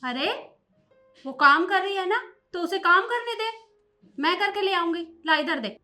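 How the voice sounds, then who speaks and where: A sharp, very high-voiced mother scolds and lectures her grown son in a family drama, played by a woman. Her tone is bright and piercing, and she is fiercely protective of her daughter-in-law. Faint music plays behind her. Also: expressive, measured pace, heavily acted. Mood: bossy. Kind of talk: short family drama acting.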